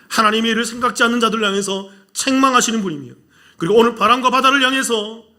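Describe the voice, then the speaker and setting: A male pastor with a high-set voice delivers a sermon in a church. He keeps putting questions to his listeners. He moves between rising, emphatic exhortation and sudden hushed asides. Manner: asks the congregation rhetorical questions. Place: church sanctuary.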